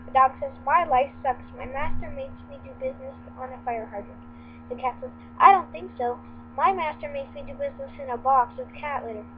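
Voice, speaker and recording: High young woman stumbling through jokes. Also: animated, fairly quick. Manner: laughing, stumbling over words. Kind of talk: reading jokes aloud. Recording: tinny, hum-laden home recording.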